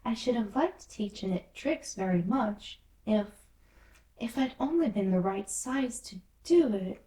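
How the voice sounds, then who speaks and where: A woman's voice: medium pitch, animated, a little slow, warm tone, natural voice. A woman voicing a polite, puzzled little girl in a fairy tale, speaking earnestly with some hesitation. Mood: musing. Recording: roomy echo, distant from mic.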